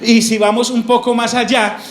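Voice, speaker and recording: A man's voice: extremely high pitch, flat delivery, moderate pace, a little hiss or hum. A male pastor, preaching a sermon and teaching through call-and-response questions he answers himself. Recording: echoey room with faint ambience.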